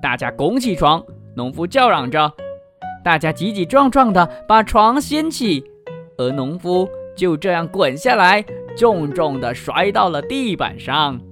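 A man hosting a children's literature show and reading a picture book aloud in a lively, expressive way. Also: high-pitched, unhurried. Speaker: podcast host and storyteller. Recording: music bed under voice. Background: background music.

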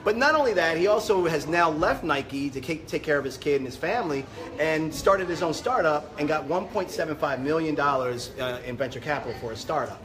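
A man's voice: on the high side, expressive, a little fast, a crowd in the background. A man who hosts a show, chatting casually and effusively on a red carpet, repeating himself for emphasis. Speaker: show host being interviewed.

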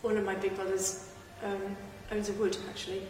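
A woman's voice: mid-range voice, normal speed. An English woman who is a guest on a podcast, talking about her charity work in a plain, agreeable way. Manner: plain, even-toned, agreeable. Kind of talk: casual chat interview. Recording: echoey room with noise, far from the mic.

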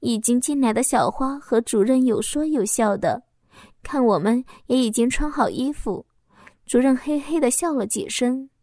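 Woman narrator, intimate first-person reading, bit high, dead dry sound. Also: moderate pace, dark tone, no room sound. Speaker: audiobook narrator.

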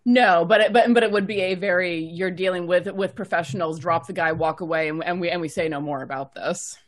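A woman's voice: on the low side, brisk. A woman playing a tabletop game, chatting casually and speaking now and then as her character.

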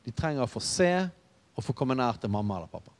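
Male preacher, chatty storytelling sermon, mid-pitched voice, long hall reverb. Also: sing-song. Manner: conversational, storytelling with asides.

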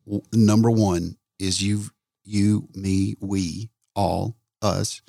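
A man hosting a casual faith talk, repeating words for emphasis like a preacher and slowing down on key points. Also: on the low side, steady tone, vocal fry, warm tone, no echo, clean studio sound. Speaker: podcast host.

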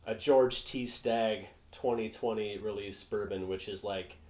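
A man's voice: on the low side, a little slow, echoey room. A man co-hosting a podcast, chatting casually and rambling with lots of fillers and swearing. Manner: relaxed, rambling, swears freely, many fillers. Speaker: podcast co-host. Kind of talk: casual chat.

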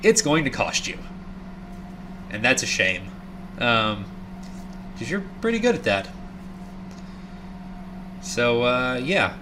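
A man's voice: mid-range voice, big pitch swings, takes it slowly, long pauses, background noise. A man voicing a smug, mock-polite hobgoblin camp boss in a tabletop game. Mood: mock-gracious. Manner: chatty, mock-polite menace.

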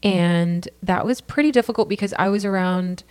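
Talking at a moderate pace in a mid-range, slightly mellow voice, a Californian woman shares her personal story as a podcast guest. Her delivery is earnest and casual, peppered with "like" and "you know."

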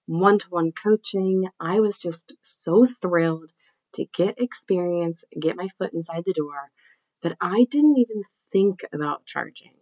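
A woman with a stuffy, nasal voice from a cold hosts a solo podcast, speaking slowly in a lowish register. She sounds upbeat and encouraging, stumbling now and then. The recording is dry and a little dull. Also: darkish tone, no room sound. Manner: upbeat, encouraging, some slips and restarts. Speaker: podcast host.

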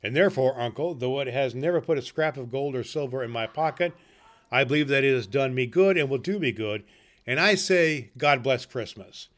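A cheerful, warm-hearted young nephew, as a man voices him, speaking earnestly and with good humor. The lines come quickly and in long runs. It is a storybook reading aloud. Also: mid-range voice, close to an everyday voice.

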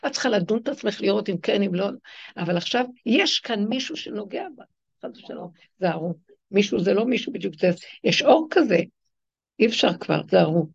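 A woman's voice: gravelly, a little mellow, breathy edge. A woman religious teacher giving a spiritual lecture to her class. She retells stories emphatically, acting out the people in them. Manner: emphatic, acts out the people in her stories with sudden high swings. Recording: dull lo-fi recording.

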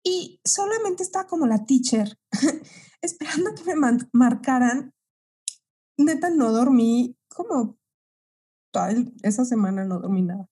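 A young woman with a Mexican accent telling a story in casual chat, animated and quick to laugh. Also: on the high side, breathy edge. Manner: animated, acts out quoted voices, laughs often. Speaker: guest.

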